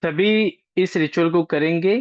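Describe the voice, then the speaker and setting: A man's voice: a little high, fairly even intonation, measured pace, no echo. A man teaching an online astrology class in a casual, chatty way, coaxing and teasing his students, heard over a video call. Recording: dry, dull lo-fi call audio.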